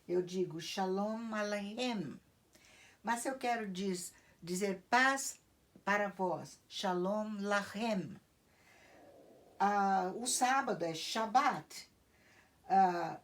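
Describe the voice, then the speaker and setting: A woman teaching a lesson on an alphabet, explaining patiently and step by step. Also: medium pitch. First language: Portuguese.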